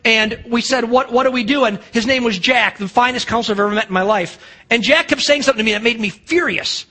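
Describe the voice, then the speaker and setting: With a very high-pitched, pushed and bright voice, a middle-aged man from the U.S. preaches quickly. The pastor's American-accented sermon is emphatic, mixing rhetorical questions with acted dialogue.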